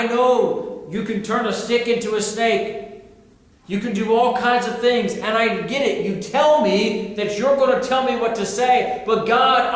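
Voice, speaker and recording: A man's voice: very high-pitched, fairly bright tone, voice pushed up. A man voicing a reluctant man who pleads and begs to be excused, with a whiny, pleading manner, in an echoey hall.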